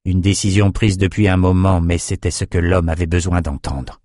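A man narrating an audiobook in a steady, measured reading on a close mic. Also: low voice, no echo. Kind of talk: scripted narration.

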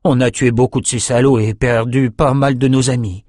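A man's voice: medium pitch, fairly even intonation, moderate pace, darkish tone, dry recording, studio quality, natural voice. A man voicing a gloomy, grumbling young male nobleman in an audiobook.

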